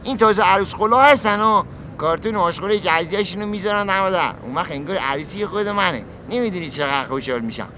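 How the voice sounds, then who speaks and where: A man's voice: sits high, expressive, pushed and bright, slight background noise. An actor playing a cheeky male junk-peddling taxi passenger who rambles on boastfully in a comic sketch. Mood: rambling. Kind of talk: comic puppet-show acting.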